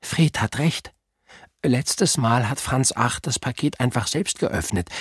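A woman's voice: a bass voice, takes it slowly, breathy edge, no room sound, studio quality, voice pushed up, exaggerated voice. A man voicing a serious, sensible young girl in a children's audiobook, earnest in tone. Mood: alarmed.

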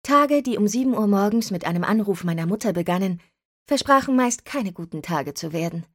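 A woman narrating a first-person story as an audiobook, with lively expressive delivery. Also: mid-range voice, fairly quick, no echo, studio quality.

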